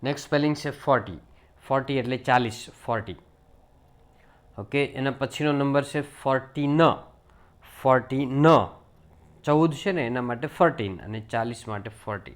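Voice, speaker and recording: A man with a Gujarati accent teaches English pronunciation in a patient lesson voice. His pitch sits in an ordinary middle range. He says each English word slowly and repeats it several times for his learners.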